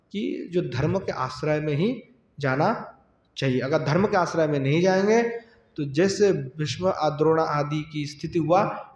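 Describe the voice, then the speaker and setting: A man giving a devotional scripture discourse as a katha preacher. He asks his listeners questions and answers them himself, and he chants Sanskrit verses slowly. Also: a little high, darkish tone. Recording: dull echoey hall recording.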